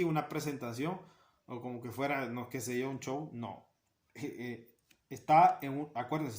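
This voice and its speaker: A man with a mid-range voice delivers an earnest catechesis talk on liturgy, repeating key phrases for emphasis. The recording has a roomy sound.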